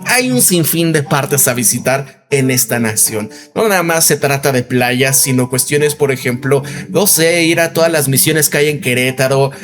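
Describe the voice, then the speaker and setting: A man's voice: medium pitch, moderate pace, few pauses, over music. A Mexican man in his thirties hosting a casual commentary video, rambling and tossing in tag questions. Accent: Mexican Spanish. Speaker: commentary channel host.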